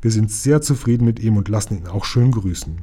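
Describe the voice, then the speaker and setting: A man reading a children's story aloud, voicing a gruff but kindly train driver who grumbles warmly. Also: fairly low pitch, brisk.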